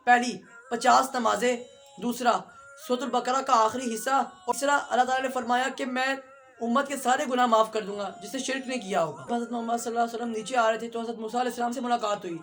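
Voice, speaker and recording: A man's voice: extremely high pitch, steady tone, a bit bright, faint music behind. A man vlogger earnestly retelling a religious story and speaking straight to his viewers. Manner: earnest, fast storytelling with direct address to viewers.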